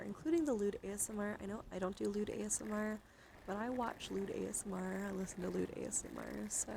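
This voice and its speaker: Chatting informally with her viewers, a woman livestream host who does ASMR talks in a slangy, casual style. She has a mid-range, creaky voice, and background noise can be heard.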